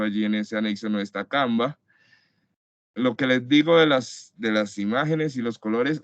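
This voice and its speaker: A man's voice: mid-range voice, no room sound. A man giving an online class lecture, patiently explaining with many restarts and fillers. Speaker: teacher. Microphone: computer mic in a web conference. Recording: dry, slightly dull web-conference audio.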